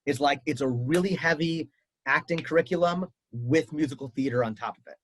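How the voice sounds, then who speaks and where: A man's voice: a little high, brisk, low-quality recording. A man coaching a family on college auditions over a video call, chatty and upbeat with lots of fillers. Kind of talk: casual advice on a video call.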